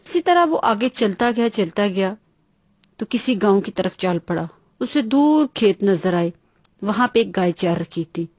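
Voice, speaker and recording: A woman narrating a children's bedtime story in a plain, even-paced reading voice. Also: medium pitch, no echo, studio quality.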